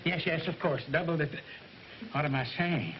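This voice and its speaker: Actor playing a flustered record boss. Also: male voice, a little high, normal speed, a little hiss or hum, close to an everyday voice. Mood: coaxing. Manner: blustering, then coaxing. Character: flustered middle-aged male record company boss. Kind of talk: 1940s film acting. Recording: dull 1940s film soundtrack.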